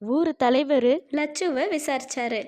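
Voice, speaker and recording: A woman narrating a cartoon storybook in a calm, even storytelling way. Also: high-pitched, measured pace.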